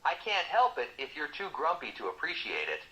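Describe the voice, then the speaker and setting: A man's voice: a little high, wildly swooping pitch, a little fast, sharp tone, full character voice, poor audio. A man voicing a boastful, wisecracking male mercenary who teases his partner in comic banter. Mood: teasing. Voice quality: cocky, teasing, sarcastic.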